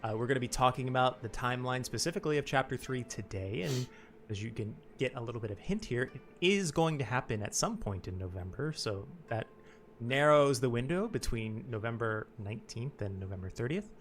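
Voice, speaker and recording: A man presenting a game livestream, talking fast and loosely with a chuckle. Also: medium pitch, animated, faint music behind.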